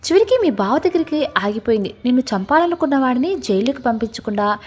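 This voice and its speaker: A woman's voice: sits high, expressive, fast, breathy edge. A woman voicing a bossy protective young man. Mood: insistent. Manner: scolding, insistent.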